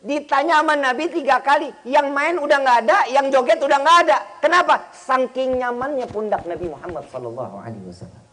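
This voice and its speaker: High-voiced joking preacher, slang. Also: male voice, lively intonation, fairly quick, few pauses, bright, forceful tone. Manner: teasing, slangy, acts out quoted dialogue. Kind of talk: humorous sermon.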